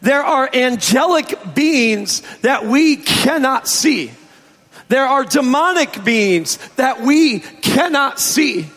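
A man preaching as a pastor in a hoarse, strained voice, emphatic and informal, stretching key phrases for effect. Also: very high voice, expressive, takes it slowly, fairly bright tone. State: hoarse, strained sore throat. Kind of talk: sermon. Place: church service, amplified in a large room. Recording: echoey large hall reverb.

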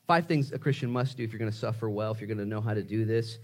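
A man's voice: fairly low pitch, racing. A man preaching a sermon in an emphatic, motivational way, talking straight to his listeners in conversational language with rhetorical questions. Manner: emphatic motivational preaching, swinging from hushed asides to raised exclamations. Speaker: pastor preaching.

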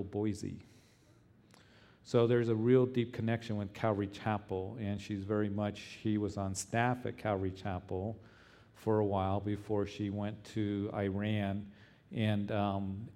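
A man talking informally to a congregation as their pastor, in a halting, conversational way. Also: lowish voice, dark tone.

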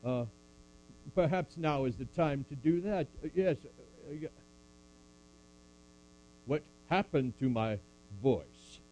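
A man doing a slow, mellow apostle puppet. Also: medium pitch, lively intonation, slight background noise, poor audio. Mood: playful. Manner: preachy, dryly joking, speaks to a crowd. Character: Apostle Paul as a joking puppet preacher, older man. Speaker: puppet performer. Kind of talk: church puppet skit with scripture recitation.

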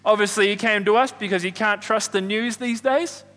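A man acting out a rambling, excitable shepherd, his high voice ringing through a long, echoing hall. His bright, cutting tone carries loud whoops as he chatters on in a comic stage play. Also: moderate pace. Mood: excited. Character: excitable chatty male shepherd, middle-aged. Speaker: shepherd character in a church Christmas play. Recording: echoey hall reverb.

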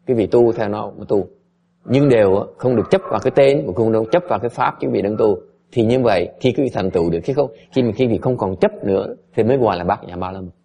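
A man's voice: mid-range voice, dark tone. A man, a Buddhist teacher, giving a slide-based dharma lecture, switching between English and Vietnamese and often pressing his listeners to check they understand. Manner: emphatic, often asks "is it clear?".

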